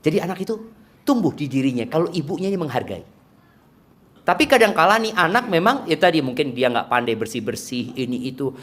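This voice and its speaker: A man's voice: on the high side, sing-song, fairly quick. A middle-aged man giving a sermon, answering audience questions and acting out parents and children in quoted voices. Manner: rises to loud emphatic peaks, drops to soft asides. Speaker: preacher.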